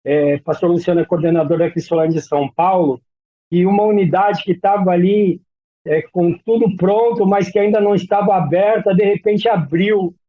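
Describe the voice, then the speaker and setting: A man's voice: high-pitched, steady tone, moderate pace, phone-quality sound. A man speaking as a missionary guest in an interview, giving an earnest, testimony-like account. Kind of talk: interview talk.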